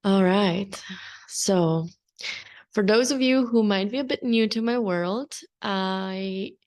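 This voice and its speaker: A woman's voice: mid-range voice, takes it slowly, a little mellow. A woman, hosting a podcast in open, unscripted, meandering solo talk. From Slovenia. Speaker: podcast host. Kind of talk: casual solo podcast chat.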